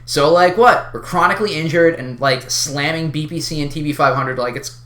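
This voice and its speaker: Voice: medium pitch, brisk, fairly bright tone, roomy sound. Someone on an exasperated, wild rant straight to the listener, casual, sweary and sarcastically emphatic, in an unscripted video. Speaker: online video creator addressing a community.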